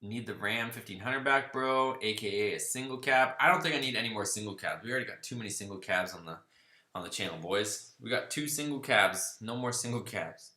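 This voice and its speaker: A man with a lowish, bright, forceful voice talks fairly quickly in an echoey room. He hosts a car channel livestream, running a casual Q&A where he reads viewer comments aloud and riffs on them in a laid-back, loose way.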